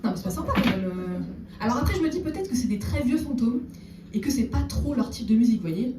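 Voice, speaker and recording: A woman doing a stand-up comedy set on stage, chatting with the audience and slipping in deadpan ironic asides. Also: fairly high pitch, fast. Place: theater stage before a live audience. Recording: roomy echo, distant mic, audible room noise.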